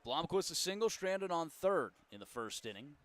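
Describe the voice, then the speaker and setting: A man calling baseball play-by-play in a folksy, joking way, and he gets loud when the big plays come. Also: fairly high pitch, big pitch swings, moderate pace. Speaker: play-by-play announcer.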